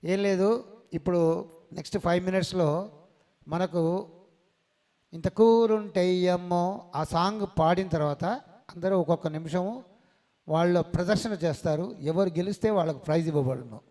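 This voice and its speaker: A man hosting a community singing and acting event, briskly calling up participants and hurrying them along. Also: sits high, mellow. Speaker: event organizer and host.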